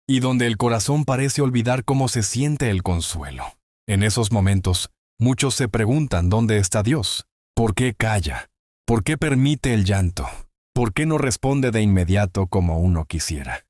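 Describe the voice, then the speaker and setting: A man giving scripted inspirational Bible narration in a solemn, measured way, drawing out key phrases slowly. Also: fairly low pitch, a little mellow, no echo, studio quality. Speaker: devotional narrator.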